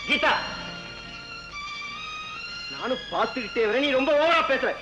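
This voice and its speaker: A man's voice: extremely high pitch, very animated, measured pace, music in the background, exaggerated voice, poor audio. An actor playing an elder brother who lectures his sister sternly and then coaxes her playfully, in a 1970s film drama. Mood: scolding.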